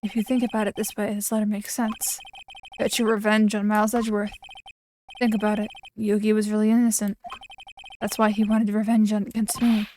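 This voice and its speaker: A woman voicing a composed young male prosecutor haunted by guilt, reading game lines in a quiet, low-key confessional way. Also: little pitch movement, a little fast, slight background noise, close to an everyday voice. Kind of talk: reading game dialogue aloud.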